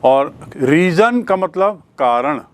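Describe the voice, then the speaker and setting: Slow Indian English teacher, man. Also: a little high, expressive. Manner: explains slowly, asks and answers his own questions. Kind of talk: grammar lesson mixing Hindi and English.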